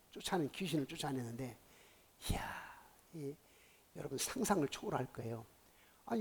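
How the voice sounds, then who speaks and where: A male pastor preaching a sermon, telling a story with dramatic swings from hushed tones to loud outbursts. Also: on the high side, breathy edge.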